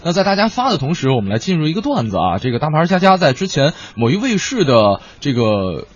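Brief: animated male radio host, husky voice, heard over muffled AM radio. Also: on the high side. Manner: quick, animated, playful banter. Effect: AM radio broadcast sound. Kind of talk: lively radio variety chat.

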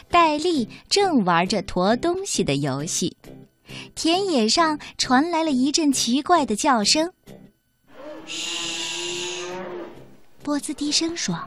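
A woman reads a children's picture book aloud in a lively, sing-song voice that swoops up and down. Her pitch sits fairly high, and soft music plays behind her. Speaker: storyteller.

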